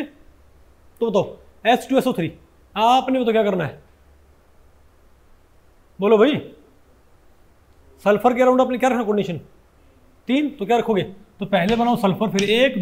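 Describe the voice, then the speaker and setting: A man teaches a chemistry class in a fairly high voice. He talks his students through each step by asking them questions, and he catches and corrects his own slips as he goes. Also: a little mellow. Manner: keeps asking students questions, often says "bhai"; corrects himself mid-sentence. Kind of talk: Hindi classroom lecture.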